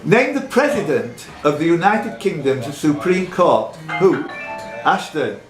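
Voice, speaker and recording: In an echoey pub full of quiz players, a man with a slightly high voice and big swings in pitch reads quiz questions at a slow pace, joking and teasing with the contestants. Soft music plays in the background alongside audience noise.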